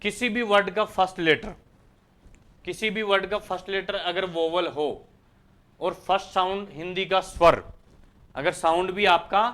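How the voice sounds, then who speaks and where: Bright, crisp-voiced Indian man teaching. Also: fairly high pitch. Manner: repeatedly asks the class questions and answers them himself. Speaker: English grammar teacher. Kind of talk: Hindi lecture explaining English articles.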